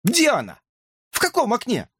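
A man doing a shrill, crude teenage boy. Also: wildly swooping pitch, normal speed, husky, exaggerated voice. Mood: excited. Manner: shrill falsetto, loud and boisterous. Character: crude excitable teenage boy nicknamed Hamster.

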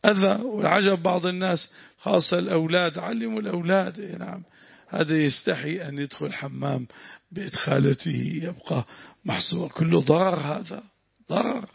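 A man's voice: sits high, a little fast, dry recording. A man with a Damascene accent teaching a lesson on Quran commentary as a sheikh, telling anecdotes and exclaiming pious phrases. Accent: Damascene Arabic. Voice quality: gravelly and raspy. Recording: dull lo-fi dry recording.

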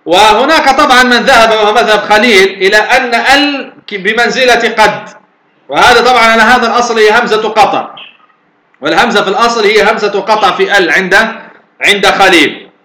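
A man's voice: high voice, a little fast, sharp tone. A man teaching as a sheikh in a recorded lecture, patiently explaining and posing then answering his own questions. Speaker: sheikh teaching Arabic morphology. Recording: echoey room.

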